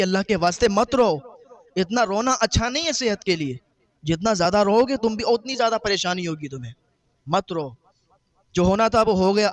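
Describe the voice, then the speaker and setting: A man's voice: sits high, fairly bright tone. A man preaching in a sermon, telling a story with emotion and voicing the grieving brother's words.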